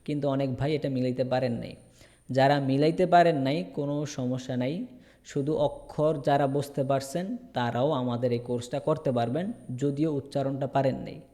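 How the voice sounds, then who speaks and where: A man's voice: medium pitch, dark tone, big-room sound. A Bangladeshi man teaching English in an online class, repeating each word and answering his own questions. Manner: repetitive drilling, asks and answers himself. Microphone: video call.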